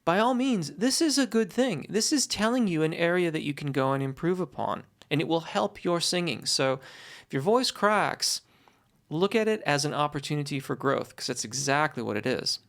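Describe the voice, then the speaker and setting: A voice teacher answering questions in a conversational, explanatory way, with encouraging, reassuring and deliberate, articulate phrasing. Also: medium pitch, animated.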